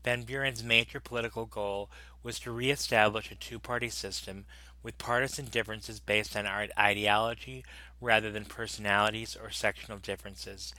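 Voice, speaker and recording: A volunteer reader with a lowish voice that has a bright, cutting edge reads an encyclopedia article aloud at a steady, unhurried pace, occasionally stumbling and going back to correct himself. The recording is close and dry with almost no room sound or echo, and the audio quality is poor.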